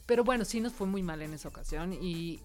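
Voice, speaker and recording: Expressive Mexican woman telling a story. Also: on the low side, fairly quick, faint music behind. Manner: animated storyteller acting out quotes. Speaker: radio host. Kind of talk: casual chat telling an anecdote.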